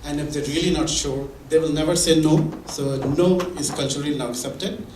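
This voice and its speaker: A man's voice: fairly high pitch, steady tone, moderate pace, background noise. A man giving a conversational talk at a mentoring event, explaining with examples and frequent restarts. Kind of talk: conversational presentation. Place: meeting room or hall. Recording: echoey room from far off.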